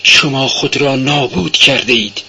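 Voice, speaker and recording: A man voicing a desperate, tearful young woman who pleads in high cries. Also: big pitch swings, sharp tone, slight background noise. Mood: despairing.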